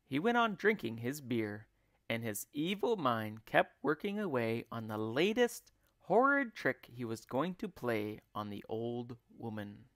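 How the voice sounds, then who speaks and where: A male English teacher reads a children's story aloud at a slow, careful pace. His pitch rises and falls in wide, lively swings. The voice is dry and close to the mic. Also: dry recording. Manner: expressive, deliberate reading.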